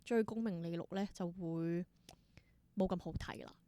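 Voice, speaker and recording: This clip has a young adult woman, a theatre performer and creator, chatting reflectively as an interview guest in a relaxed conversation. She has a Hong Kong Cantonese accent and mixes in English words. Her voice is fairly low and dark in tone, at a normal pace, with no echo.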